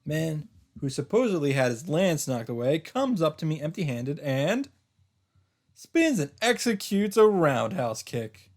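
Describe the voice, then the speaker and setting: A streamer with a slightly high voice reads a visual novel's first-person narration aloud. His pitch moves in a lively way, and his delivery is theatrical and a bit halting, leaning into dramatic emphasis.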